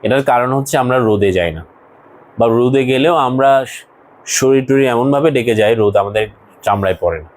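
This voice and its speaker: A man's voice: mid-range voice, normal speed, darkish tone, low-quality recording. A man teaching an English lesson to a class, explaining words one by one and asking students questions.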